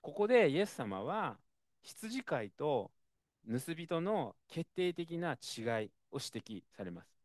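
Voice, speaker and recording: A man preaches a sermon in a chatty, expressive manner, sprinkling in fillers. His pitch swings widely and sits a bit high. The recording is dry and close. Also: no echo. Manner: conversational, expressive, frequent fillers.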